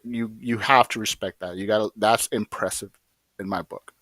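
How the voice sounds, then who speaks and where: A man's voice: fairly low pitch, fairly even intonation, moderate pace, a bit bright, dry recording. A man co-hosting a casual soccer talk show, emphatic and repeating his points. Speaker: co-host.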